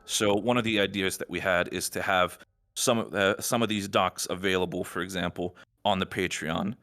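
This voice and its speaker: Low-voiced man giving a rambling update. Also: steady tone, moderate pace, fairly bright tone. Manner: rambling, reassuring explainer. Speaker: admin team member. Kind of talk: podcast status update.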